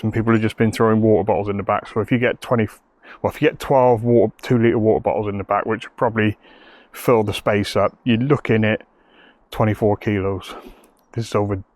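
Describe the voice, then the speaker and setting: A man's voice: fairly low pitch, a little mellow, dry recording. A man giving a chatty, enthusiastic bike review outdoors, rambling a little as he talks. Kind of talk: casual video review.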